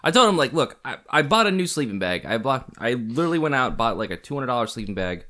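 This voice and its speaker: A young man, a podcast guest, telling a camping story in casual chat. He is animated, swears often and laughs as he talks. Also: medium pitch, quick pace.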